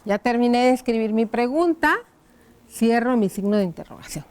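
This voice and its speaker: A woman teaching a primary school lesson on television, dictating slowly as she writes on a board and checking in with the children through frequent tag questions. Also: on the high side, darkish tone. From Mexico. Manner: slow, careful dictation while writing on a board.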